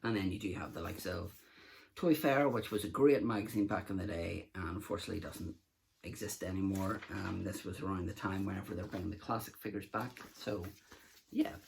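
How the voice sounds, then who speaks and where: Rambling man with a gravelly low voice. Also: fairly quick, darkish tone, slight background noise. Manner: rambling, with many fillers and restarts. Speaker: collector video host. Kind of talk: casual show-and-tell vlog.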